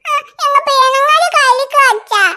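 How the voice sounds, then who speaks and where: A woman's voice: very high voice, moderate pace, pushed and bright, exaggerated voice. A woman voicing a stubborn, possessive little schoolgirl in a cartoon, whining and crying as she pleads. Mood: soothing. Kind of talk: cartoon voice acting.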